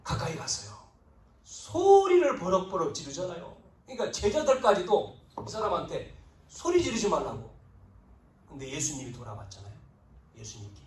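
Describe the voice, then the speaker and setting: A male pastor preaching a sermon, swinging between loud emphatic lines and hushed asides, acting out biblical figures in quoted speech. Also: a little high, slight background noise. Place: church sanctuary. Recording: roomy, distant church recording.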